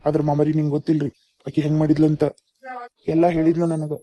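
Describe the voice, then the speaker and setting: Cartoon young husband, earnest and pleading, North Karnataka accent, flat delivery; male actor. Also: fairly high pitch, a little fast, natural voice. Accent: North Karnataka Kannada. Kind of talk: cartoon voice acting.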